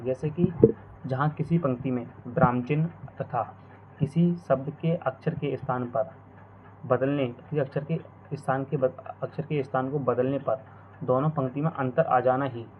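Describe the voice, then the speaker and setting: A male teacher explaining a grammar lesson, repeating each definition and example slowly. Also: mid-range voice. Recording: tinny phone-like audio, faint noise.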